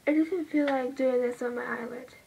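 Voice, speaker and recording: A woman's voice: high voice, steady tone, normal speed, creaky, a little mellow, a little hiss or hum. A woman vlogging from her bedroom, chatting in a rambling way and muttering asides to herself, with a TV playing in the background. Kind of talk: casual chat while doing makeup. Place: bedroom at home.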